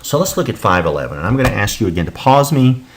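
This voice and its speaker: A man's voice: lowish voice, sing-song, fast talker. A man teaching a recorded Spanish lesson, patiently explaining and repeating examples before translating them.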